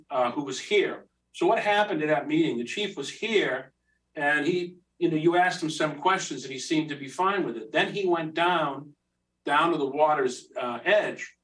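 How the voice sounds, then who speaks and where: A man's voice: on the high side, moderate pace, fairly bright tone, far from the mic, rough recording. A man giving a heated public comment at a planning board hearing, with many fillers and restarts. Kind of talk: public comment at a town meeting. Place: town meeting room.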